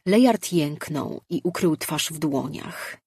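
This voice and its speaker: A woman narrating a fantasy audiobook in a measured, steady way. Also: low voice, breathy edge, dry recording, studio quality.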